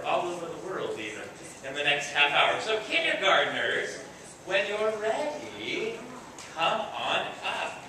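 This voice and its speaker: A man with a high-pitched, sharp voice hosts a children's school play in a large, echoey room before an audience. Informal, encouraging and playful, he coaches the young performers on stage with simple step-by-step instructions, like a director. The recording sounds very echoey and distant, with clear background noise.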